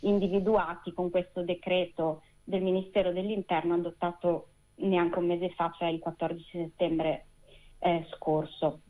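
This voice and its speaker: A woman lawyer, a guest on a radio interview, talking over a tinny phone line in measured, precise legal phrasing. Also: lowish voice, flat delivery. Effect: speaking over a phone line.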